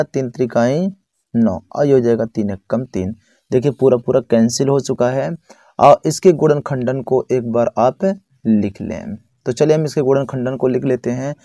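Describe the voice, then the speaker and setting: A man's voice: medium pitch, measured pace, dark tone, no room sound. A man teaching a math lesson step by step, counting aloud patiently and checking in often with the viewer.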